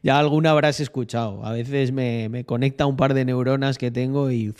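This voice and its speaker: A man's voice: medium pitch, fairly even intonation, normal speed, darkish tone. A young man with a Spain Spanish accent chatting casually on a live stream, joking and laughing at himself. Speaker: streamer and podcast host.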